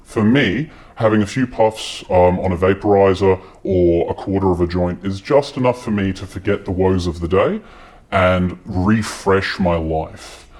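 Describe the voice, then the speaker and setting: An anonymous man from Australia speaking in a news interview, his voice disguised by pitching it down. He talks in a measured, reflective way with hesitant fillers. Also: darkish tone. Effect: voice disguised, pitched down to sound deep.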